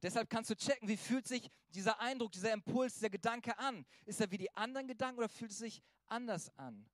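A middle-aged male pastor delivers a sermon in a lively, animated way, slipping into voices for the people he quotes. His voice sits high for a man. The sound is close and dry, with no room around it. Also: quick pace, no room sound.

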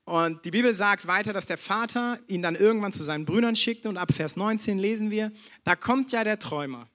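A man's voice: high-pitched, brisk, a bit bright. A man preaching a sermon in a direct, conversational way, speaking straight to his listeners.

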